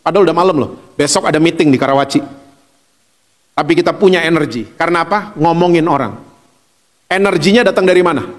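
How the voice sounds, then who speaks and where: A male pastor, preaching a sermon with lively, humorous storytelling. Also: fairly high pitch, fast talker, pauses often, big-room sound.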